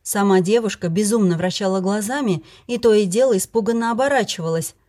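A woman's voice: mid-range voice, brisk, mellow. A woman reading a first-person fantasy story aloud, giving the characters' lines with little change of voice. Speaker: audiobook narrator.

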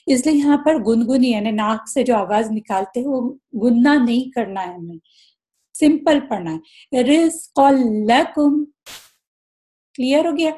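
A woman's voice: a little high, animated, dark tone. Patient woman teaching Quran recitation. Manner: patient and explanatory, demonstrates recitation slowly. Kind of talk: tajweed lesson.

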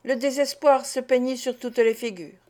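A woman reading an adventure story aloud in a measured, expressive way. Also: high-pitched. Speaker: audiobook reader. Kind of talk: scripted narration.

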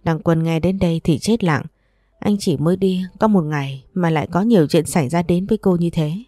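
A woman's voice: lowish voice, a little fast, warm tone, dry recording, studio quality, faint music behind. A woman telling a sad family story aloud, reading narration and speaking every character's lines in her own voice. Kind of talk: storytelling narration with acted dialogue.

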